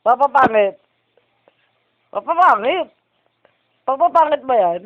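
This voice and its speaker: A woman's voice: high-pitched, lively intonation, measured pace, lo-fi sound. A woman in a home video coaxing a toddler, playfully repeating words. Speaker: family member coaxing a toddler.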